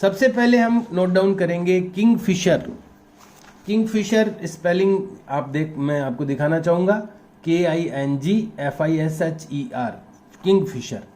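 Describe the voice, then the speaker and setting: A man teaching a young class, slowly spelling out words letter by letter and giving patient handwriting instructions. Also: high-pitched, warm tone. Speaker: primary school teacher. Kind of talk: slow classroom dictation lesson.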